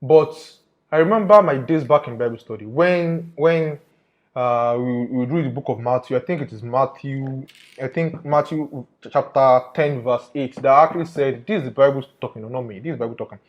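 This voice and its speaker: Guy with mid pitch telling what he found undercover, repeats himself for emphasis, bit lo-fi. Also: normal speed. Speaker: undercover investigator presenter. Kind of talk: informal spoken report to viewers.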